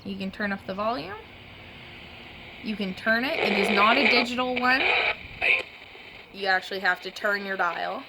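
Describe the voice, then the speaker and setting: Heavy background noise sits behind this woman as she reviews a product in a relaxed, chatty hands-on demo. Her pitch is medium and her pace moderate, broken by long pauses, and she keeps correcting herself.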